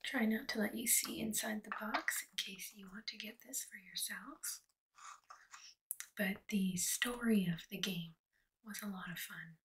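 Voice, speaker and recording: A woman whispers through a soft-spoken ASMR unboxing, chatty and relaxed. She talks slowly and unhurriedly. The mic sits a little way off, with a faint hiss underneath. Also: mid-range voice, creaky, distant mic. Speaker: ASMR creator.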